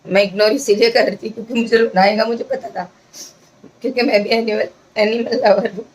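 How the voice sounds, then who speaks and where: A woman's voice: a little high, fairly even intonation, brisk, slight background noise. A young woman, chatting emotionally and directly to her viewers in a casual home vlog, filmed on a phone camera indoors. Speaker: vlogger.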